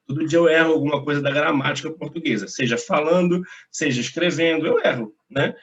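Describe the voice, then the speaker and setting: A man's voice: on the high side, fairly quick, dull audio. A young man from Brazil giving a casual video lesson as an English teacher, chatty and reassuring, with slang and frequent tag questions.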